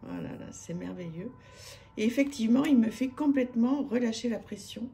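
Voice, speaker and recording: A woman's voice: fairly high pitch, lively intonation, fairly quick, vocal fry, dark tone. A woman, chatting to camera about her tarot decks, hesitant with many fillers and restarts, enthusiastic. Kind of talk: casual chat to camera. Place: home room with street noise outside.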